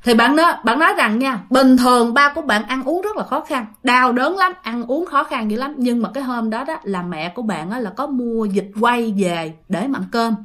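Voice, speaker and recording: A woman's voice: fairly high pitch, moderate pace, hardly any pauses, fairly bright tone. A woman with a Southern Vietnamese accent, casually retelling ghost stories sent in by listeners, full of chatty fillers. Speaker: ghost story narrator.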